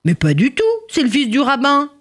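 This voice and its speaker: A woman's voice: high-pitched, very animated, normal speed, fairly bright tone, slightly rough, pitched above the performer's own voice, full character voice. A woman voicing a huge, imposing but kind tavern woman who speaks firmly.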